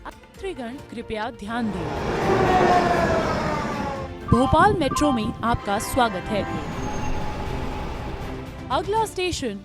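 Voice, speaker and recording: A woman making a formal station announcement over a metro train's intercom, in a slow and evenly spaced delivery. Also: on the high side, sing-song, over loud music. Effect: public address announcement over the train intercom. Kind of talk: recorded transit announcement.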